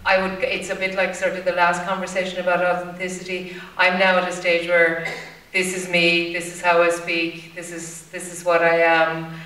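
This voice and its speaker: An Irish woman with a Limerick lilt answers a panel question frankly, piling on fillers and restarts. Her voice is bright and fairly flat in melody. It carries from a little off the mic through a roomy hall. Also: lowish voice, normal speed, far from the mic. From Ireland. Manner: candid, chatty, many fillers and restarts.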